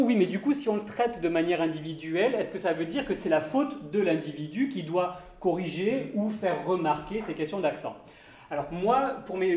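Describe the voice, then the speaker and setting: A man's voice: high-pitched, a little mellow, echoey room. A man giving an academic conference talk on accents, thoughtful and hedging, with many fillers and restarts. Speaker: lecturer on accents.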